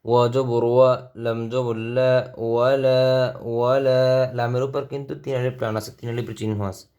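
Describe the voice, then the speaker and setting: A Bengali-speaking man teaching Quran reading, spelling out each letter and vowel slowly and deliberately. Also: mid-range voice, little pitch movement, darkish tone. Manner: slow, deliberate syllable-by-syllable spelling.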